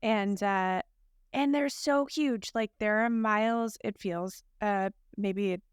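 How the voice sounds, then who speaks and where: Speaking slowly at medium pitch with a clean tone, this woman co-hosts a podcast, chatting casually and laughing as she tells stories full of fillers. She's recording abroad, in something like a hotel room, and the sound is dry and studio-clean.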